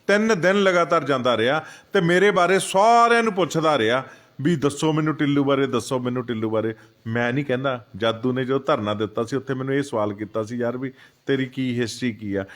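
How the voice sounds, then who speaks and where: A man's voice: fairly high pitch, fairly bright tone. A man, a party leader answering political questions in a heated, emphatic way. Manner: heated, emphatic, acts out what others say. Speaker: senior party leader, interviewee. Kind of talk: political interview.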